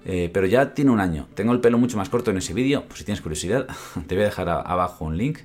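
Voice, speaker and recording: Guy teaching guitar on his podcast, lowish voice, keeps saying vale, guitar plucking faintly in the back. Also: expressive, fast, a little mellow. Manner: explains step by step, often asks "¿vale?". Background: guitar playing between phrases.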